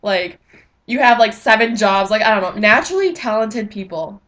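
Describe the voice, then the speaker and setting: A woman's voice: mid-range voice, lively intonation, normal speed, fairly bright tone. A teenage girl chatting casually on a vlog, giggly and full of "like". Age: teens. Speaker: vlogger. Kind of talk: casual chat.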